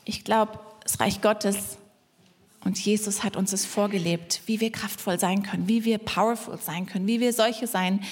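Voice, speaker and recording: A woman preaching a lively sermon to her congregation, acting out voices and joking with the listeners. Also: mid-range voice, moderate pace, husky. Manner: lively, acts out voices in quotes, jokes with congregation. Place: church hall. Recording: church hall reverb.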